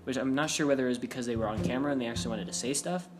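A man's voice: mid-range voice, very fast. A young man co-hosting a casual podcast chat with his brothers, talkative and teasing. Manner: talkative, teasing, laughs often. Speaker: podcast co-host. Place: bedroom at night. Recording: music under the voices. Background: music playing.

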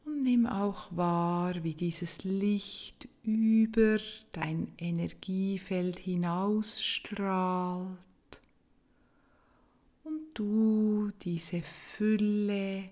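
Very slow, soft-spoken woman guiding meditation. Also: medium pitch, steady tone. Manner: soft, gentle, breathy delivery with long pauses. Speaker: meditation guide. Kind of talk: guided meditation narration.

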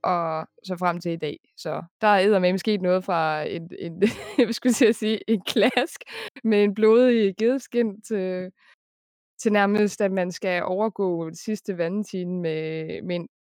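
A young woman hosting a casual podcast chat, chatty and quick to laugh, with casual swearing. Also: on the low side, fairly even intonation, a little mellow, no room sound, clean studio sound. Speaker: podcast host.

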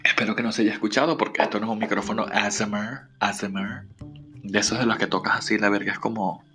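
A young man with a Venezuelan accent telling a personal story at home, chatty and expressive, swearing freely and calling his listeners "my love". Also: lowish voice, fast, faint music behind. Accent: Venezuelan Spanish. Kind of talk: casual storytelling monologue.

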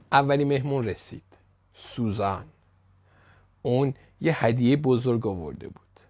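A man reading a children's story aloud in a lively, expressive way. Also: mid-range voice, dry recording.

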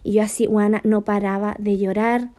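A woman's voice: medium pitch, little pitch movement, normal speed, mellow. A woman with a Chilean accent telling a story in casual chat, full of slang and swearing.

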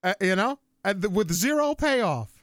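A man's voice: sits high, very animated, normal speed, no echo, clean studio sound. A young man ranting animatedly in a casual chat, with exaggerated quoted voices.

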